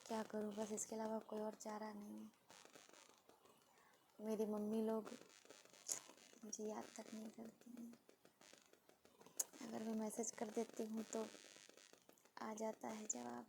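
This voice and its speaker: A woman's voice: on the high side, monotone, slow, gravelly, pauses often, dark tone, rough recording. A woman from India speaking in a sad, pleading personal vlog, repeating her words as she appeals to her viewers. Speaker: vlogger. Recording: faint background noise.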